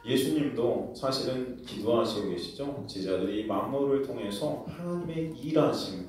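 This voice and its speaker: A man preaching a sermon as pastor, telling the story with lively acted-out quotes and questions to the congregation. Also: mid-range voice, a little hiss or hum. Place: church sanctuary. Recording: very echoey church hall, mic at a distance.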